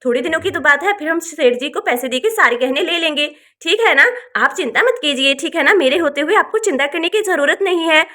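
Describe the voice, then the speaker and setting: A woman's voice: high voice, fairly quick, sharp tone. A woman voicing a selfless village wife in a doll-play village drama, who reassures her husband again and again. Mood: reassuring. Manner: reassuring, insistent.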